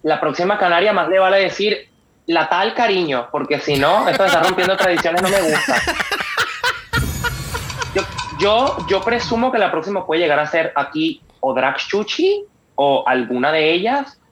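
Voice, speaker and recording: Una mujer con acento venezolano conversa de forma habladora y juguetona en un pódcast. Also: female voice, fairly low pitch, expressive, normal speed. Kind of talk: casual chat. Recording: noisy recording.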